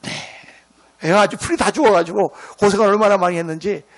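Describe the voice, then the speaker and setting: A man's voice: high-pitched, fast. A middle-aged male pastor preaching a revival sermon in a church, telling a story and acting out its dialogue. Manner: animated, acts out dialogue in the story. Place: church sanctuary.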